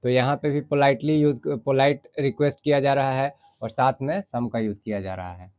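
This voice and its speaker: A man with an Indian accent teaching English grammar in Hindi, explaining step by step and reading English example sentences slowly. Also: medium pitch, darkish tone.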